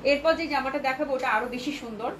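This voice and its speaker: A woman with a Bangladeshi Bengali accent hosting a live clothing sale, chatting with viewers and repeating prices, with a cold that keeps her speaking softly. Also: high-pitched, fast, noisy background. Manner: chatty, repeats prices, mixes in English words. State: has a cold, talking softly to avoid coughing. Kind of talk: live sales chat with viewers.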